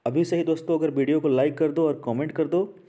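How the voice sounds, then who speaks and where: Speaking fast in a slightly high, steady, dark-toned voice, a man runs an education channel. He delivers a casual explainer to a video audience he can't see, leaning on repeated phrases and regular check-in tags.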